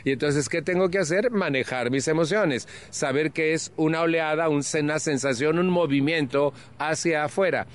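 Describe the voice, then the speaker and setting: Older man, seventies, Mexican accent, recovery testimony, earnest, animated, frank. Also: on the high side, moderate pace, few pauses. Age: 70s. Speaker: Al-Anon speaker. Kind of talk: personal testimony talk.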